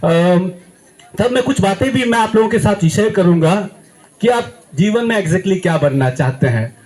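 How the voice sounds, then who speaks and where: A man's voice: high voice, animated, normal speed, darkish tone, rough recording. A young man giving a motivational address to schoolchildren, emphatic and quizzing the audience, acting out examples as he goes. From India. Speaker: guest speaker at a school.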